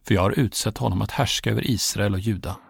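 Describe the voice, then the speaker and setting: An aged king over seventy swearing an oath and issuing orders, as a male reader voices him. The voice is low and gravelly, solemn and commanding, with a dry close-miked sound. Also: steady tone, no echo, heavily acted. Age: 70s.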